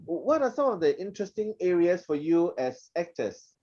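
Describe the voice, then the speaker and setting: A man moderates a panel, his pitch moving lively up and down as he invites each speaker in. The sound is a little dull and lo-fi. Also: moderate pace. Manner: lively, encouraging, checks in with panelists.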